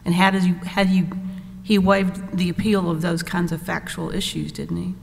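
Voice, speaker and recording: A woman's voice: on the low side, little pitch movement, moderate pace, gravelly. A woman appellate judge calling the case and questioning counsel, probing, restarting her questions as she goes. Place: courtroom. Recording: reverberant courtroom sound.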